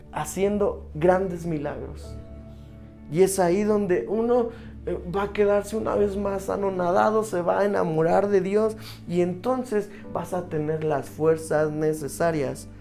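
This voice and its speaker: A man's voice: sits high, vocal fry, warm tone. A man preaching a sermon who keeps checking in with his listeners through rhetorical questions.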